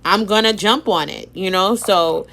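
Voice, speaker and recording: A woman with a Boston accent, hosting a casual live-stream interview, chatty and animated, greeting viewers by name. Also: medium pitch, a little slow, gravelly. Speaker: interview host.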